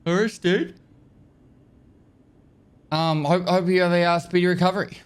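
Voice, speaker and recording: A man's voice: high-pitched, steady tone, moderate pace, smooth. A man streaming a game, chatting casually and swearing easily as he thanks subscribers, heard through a livestream headset mic. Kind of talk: casual live-stream chat.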